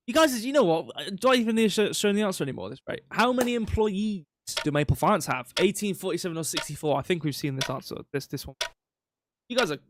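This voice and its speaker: A man's voice: sits high, background noise. A man hosting a quiz on a live stream, chatty and rambling, with mock-indignant rants. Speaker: quiz host.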